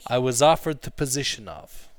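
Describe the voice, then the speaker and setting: A man's voice: mid-range voice, animated, normal speed. A man teaching an English class, explaining vocabulary and drilling pronunciation with repeated phrases. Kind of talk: classroom language lesson.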